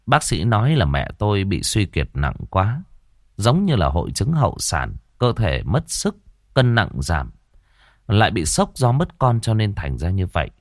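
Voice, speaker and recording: A man narrating an audiobook story in an expressive, dramatic manner. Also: low voice, dry recording, clean studio sound.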